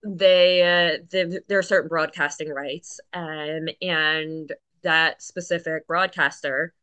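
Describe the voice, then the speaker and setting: A woman's voice: deep voice, steady tone, slow, bright, forceful tone, clear, resonant tone. A woman talking casually as a podcast guest, explaining with lots of fillers and asides. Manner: chatty, many fillers, explains plainly. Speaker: guest, Paralympic coxswain.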